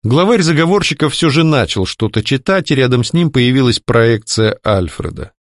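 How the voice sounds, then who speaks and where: Lively-voiced man narrating a fantasy audiobook. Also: medium pitch, normal speed, no room sound, clean studio sound. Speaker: audiobook reader. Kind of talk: first-person fantasy novel narration.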